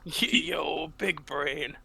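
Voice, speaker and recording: A man's voice: a little high, fairly even intonation, drawn-out words, gravelly, a crowd in the background. A man playing a tabletop game over voice chat, playful and jokey.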